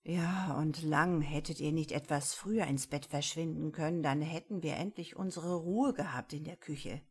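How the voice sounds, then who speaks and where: Paule, a grumpy goblin punk, voiced by a woman. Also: deep voice. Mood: grumbling. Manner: slow, gruff and resigned. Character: grumpy cheeky male kitchen goblin punk.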